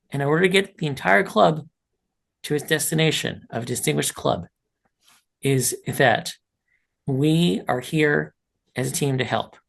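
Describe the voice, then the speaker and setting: Man losing his voice, gravelly. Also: on the high side, fairly bright tone. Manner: encouraging, practical advice with asides. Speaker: leadership trainer. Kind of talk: online training presentation. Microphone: video call.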